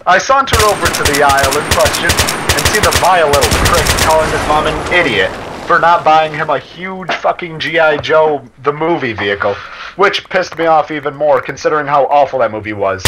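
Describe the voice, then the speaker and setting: A man's voice: on the high side, expressive, normal speed. A man casually reading a story aloud to friends, laughing and stumbling over words as he goes. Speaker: story reader. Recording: noisy game chat with gunfire. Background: game gunfire and clicks.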